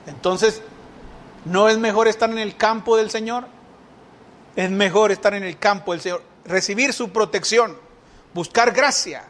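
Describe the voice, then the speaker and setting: Male preacher, very high voice, sermon delivery full of rhetorical questions and acted-out quotes. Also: a little slow, fairly bright tone. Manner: acts out quoted speakers.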